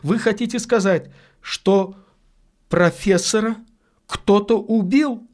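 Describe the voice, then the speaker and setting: A man voicing an impatient, excitable red-haired lady who fires off sharp questions in an audiobook. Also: medium pitch, slow, pitched above the performer's own voice, natural voice.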